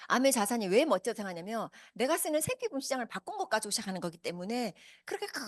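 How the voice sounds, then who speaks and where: Woman, 50s, business seminar speaker, animated, fast-talking, lively pitch, dry sound. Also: no echo. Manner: animated, asks the audience many questions. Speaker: business presenter. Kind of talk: motivational seminar talk. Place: meeting hall with a live audience.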